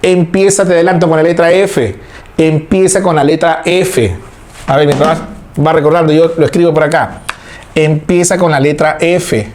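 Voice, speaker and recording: Male teacher, lecture delivery, slightly high voice, repeats terms and quizzes the class. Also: fairly even intonation, moderate pace, a little mellow. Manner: repetitive, asks questions and answers imagined students. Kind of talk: recorded lecture.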